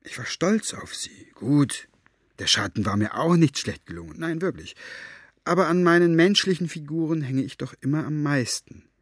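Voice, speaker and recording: A man voicing an excitable elderly author who is vain about his characters and rambles about them. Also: on the high side, normal speed, dry recording, studio quality, voice pushed up. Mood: animated. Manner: animated, self-satisfied rambling. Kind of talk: audiobook character voice.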